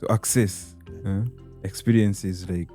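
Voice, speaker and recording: A young man with a Rwandan accent, a student leader, speaking in a halting way with many restarts. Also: deep voice, fairly even intonation, mellow, faint music behind. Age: young adult. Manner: laughs often, halting. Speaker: student guild president. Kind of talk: casual interview chat.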